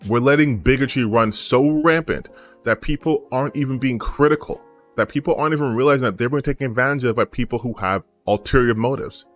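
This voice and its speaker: An American gaming YouTuber rants his opinion off the cuff to camera, blunt and emphatic, swearing casually and firing off rhetorical questions. His mid-range voice is brisk and a bit bright, with soft music in the background.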